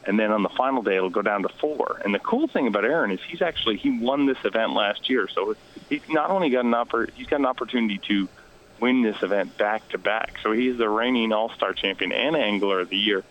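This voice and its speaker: A man speaking as a guest on a radio interview, talking quietly and self-deprecatingly from outdoors by a lake. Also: on the low side, brisk, muffled recording. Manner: hushed, quieter than usual. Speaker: guest, fishing show host. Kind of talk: casual radio interview chat.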